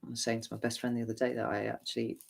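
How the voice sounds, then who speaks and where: An English tarot reader with a neutral accent rambles through viewer questions on a livestream Q&A, speaking candidly and swearing casually. His medium-pitched, gravelly voice races along in a completely flat delivery. Background noise can be heard.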